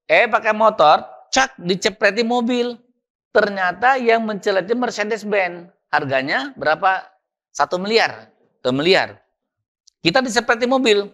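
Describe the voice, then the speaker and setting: A man's voice: high-pitched, bright, forceful tone. A man preaching at a mosque study session, quizzing his listeners and spelling words out letter by letter.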